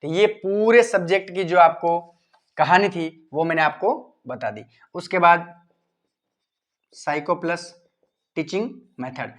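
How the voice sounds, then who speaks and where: A man's voice: on the high side, measured pace, a bit bright. Teacher man giving exam advice. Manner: informal, repetitive, addresses students directly. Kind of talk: exam-prep study advice lesson.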